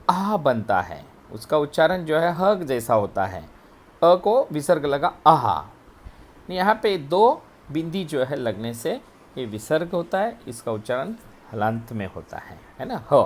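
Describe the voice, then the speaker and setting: A man teaching a grammar lesson, explaining letters and sounds slowly, step by step. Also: a little high. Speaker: Hindi teacher. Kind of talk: recorded classroom lesson.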